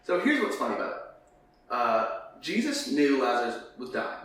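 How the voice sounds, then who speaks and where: A man's voice: medium pitch, normal speed. A man with a lisp and whistling s sounds, chatting casually and jokily about faith as a podcast host, often acting out imagined lines. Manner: animated, jokey, acts out imagined dialogue. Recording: echoey room, distant mic, faint noise.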